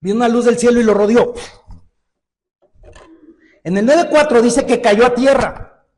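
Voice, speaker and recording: A man preaching a sermon as pastor, with a Mexican Spanish accent, joking and lively, moving between loud exhortation and low asides. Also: measured pace, long reverb tail. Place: church hall.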